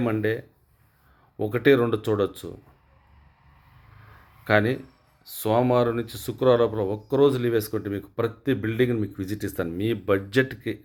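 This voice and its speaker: Very deep-voiced man selling property. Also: a little fast, pauses often. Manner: salesy, repetitive, direct appeals to viewers. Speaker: real estate agent. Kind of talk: property tour vlog.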